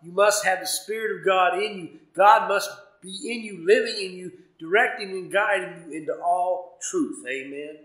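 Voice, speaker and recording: Man, preacher, fervent emphatic sermon, bright ringing tone, roomy echo. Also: sits high, normal speed, few pauses.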